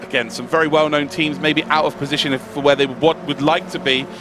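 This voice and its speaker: A man's voice: fairly high pitch, fairly even intonation, a little fast, background noise. A man giving live motorsport commentary on esports sim racing, analysing in a conversational, enthusiastic way.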